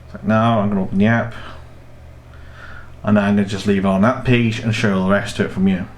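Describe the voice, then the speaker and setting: A man in his twenties hosts a tech tutorial channel and walks through a casual step-by-step guide from a small room at home. His voice is fairly low, level, and fairly quick, and he rambles and repeats phrases often. Noticeable background noise is audible.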